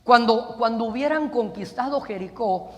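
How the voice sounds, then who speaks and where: A man's voice: very high voice, moderate pace. A male pastor preaching a sermon, often calling his listeners "brother" and putting questions to the congregation. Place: church camp meeting hall. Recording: long hall reverb.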